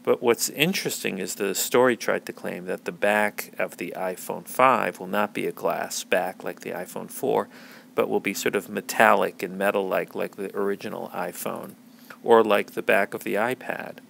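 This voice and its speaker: A man's voice: low voice, fairly even intonation, normal speed, creaky, fairly bright tone, a little hiss or hum. A man hosting a podcast, talking through tech news in a casual, rambling way with many fillers and restarts. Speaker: podcast host.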